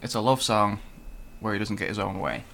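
A man's voice: fairly low pitch, lively intonation, brisk, vocal fry, fairly bright tone, slight background noise. A man co-hosting a casual music review podcast, blunt and dryly critical. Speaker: podcast co-host.

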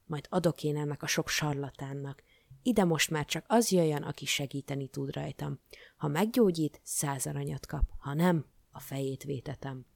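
A woman reading a storybook aloud, voicing a boastful, fearful old king with a cold who shouts and whines. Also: sits low, creaky, no echo. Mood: furious.

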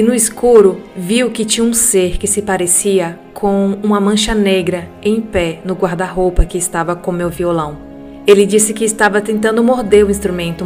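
A woman with a Brazilian Portuguese accent narrates scripted ghost stories in an even, measured way. Her voice sits in a middle pitch. Soft music plays faintly underneath. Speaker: podcast narrator reading listener stories. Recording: faint music bed behind the voice.

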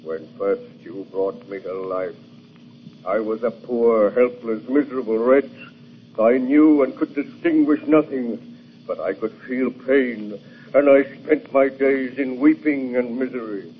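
A man's voice: medium pitch, a little hiss or hum, lightly acted. A man playing Frankenstein's brooding monster. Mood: anguished. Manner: slow, brooding, anguished pleading. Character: wretched, bitter man-made male monster. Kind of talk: 1940s radio acting. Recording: tinny old radio recording.

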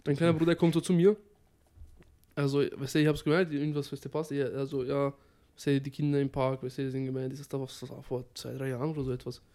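A man's voice: medium pitch, little pitch movement, fast talker, warm tone. A young man with a Viennese accent chatting casually on a podcast, telling long rambling stories in street slang with lots of fillers. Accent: Viennese German. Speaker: podcast co-host. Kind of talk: casual chat.

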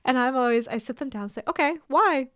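A woman's voice: a little high, steady tone, racing, clear, resonant tone. A woman hosting a podcast, asking friendly, curious questions and sharing her own work as a music therapist. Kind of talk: casual podcast interview.

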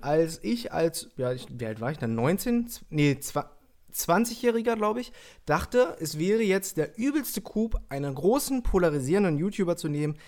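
A young man hosting a casual talk show, telling stories in a relaxed way with blunt, crude jokes. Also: sits high. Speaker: podcast host and YouTuber. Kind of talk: casual chat.

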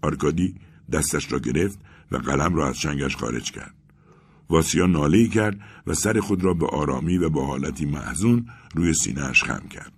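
Male audiobook narrator, extremely low voice, husky, measured grave delivery, dramatic literary reading. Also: lively intonation.

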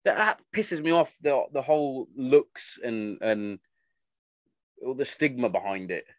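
A man's voice: medium pitch, measured pace, dry recording. A man hosting a podcast, chatting informally in a blunt, sweary way. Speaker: podcast host. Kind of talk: casual chat.

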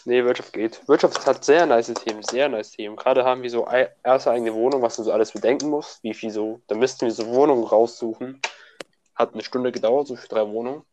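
Brief: young male student, casual slangy chat, even voice, faint hiss behind. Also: mid-range voice, fast talker. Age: young adult. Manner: slangy, laughs often, restarts words.

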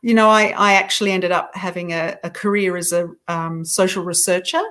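A woman's voice: on the low side, fairly even intonation, fairly quick, fairly bright tone. Middle-aged woman, author guest, reflective interview talk, self-deprecating, restarts often.

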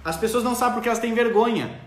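A man's voice: very high voice, rapid-fire, reverberant. A man hosting a casual live stream of parenting advice, talking animatedly and acting out parents and children as he goes.

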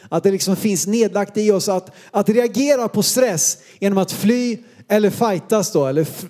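Here a man speaks with a high-pitched voice and a dark tone. He's a Swede in his thirties giving a sermon with personal anecdotes, laughing at himself through funny stories of his youth.

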